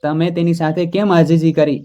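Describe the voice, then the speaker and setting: A man voicing a stubborn, quick-tempered young wife who speaks sharply and indignantly. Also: on the high side, little pitch movement, warm tone, close to an everyday voice. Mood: angry.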